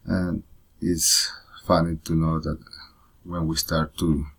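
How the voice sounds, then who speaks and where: A man presents his own life story in halting, hesitant English. His voice sits very low and sounds slightly husky. He talks slowly, stopping often to search for words. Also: flat delivery, a bit bright. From Costa Rica. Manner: hesitant, frequent pauses and uh fillers, learner's English. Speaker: presenter of a personal photo story.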